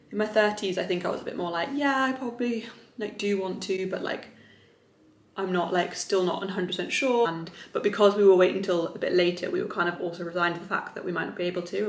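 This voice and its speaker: A woman in her mid-thirties talks straight to the camera in a loose, rambling way, leaning on "like" as she goes. Her voice sits a little low with a gravelly edge. The bedroom sounds echoey, and faint music plays underneath. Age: 30s. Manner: chatty, rambling, heavy use of "like". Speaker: vlogger. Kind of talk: casual chat to camera. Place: bedroom at home. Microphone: camera on a stand.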